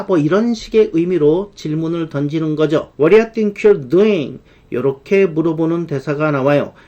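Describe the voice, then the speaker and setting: A man with a fairly high voice teaches an English grammar lesson online. He talks in a lively way and slows right down whenever he spells out an example sentence. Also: lo-fi sound.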